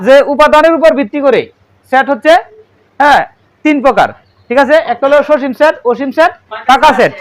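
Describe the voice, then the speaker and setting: A male math teacher with a Bangladeshi Bengali accent talks quickly in a very high voice. He runs a classroom lesson, firing questions at his pupils and echoing their replies back to them. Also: fairly bright tone. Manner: asks the class questions and repeats their answers.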